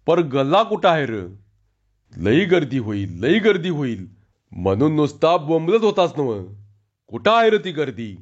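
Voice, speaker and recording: A man voicing a cranky village contractor who scolds in rough rustic speech, on a dull lo-fi recording. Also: fairly high pitch, sing-song, measured pace, exaggerated voice. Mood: irritable, scolding. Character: angry rustic male wrestling-bout contractor.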